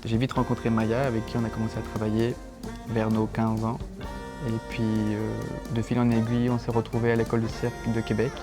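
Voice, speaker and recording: A young French man who works as a circus base gives interview testimony, easygoing yet hesitant and full of fillers. His voice is fairly low, completely flat, and fairly quick, with guitar music in the background.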